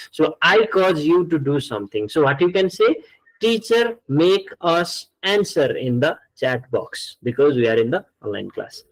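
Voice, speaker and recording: A man's voice: on the high side, poor audio. A man with a Nepali accent teaching English grammar in an online class, explaining didactically and repeating his points for emphasis.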